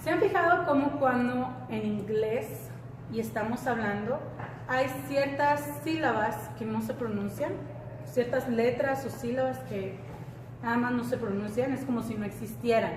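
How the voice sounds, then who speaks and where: A woman teaching an English class, often asking the students questions and repeating words slowly. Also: a little high, noisy background. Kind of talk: classroom lesson. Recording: echoey room, faint background ambience.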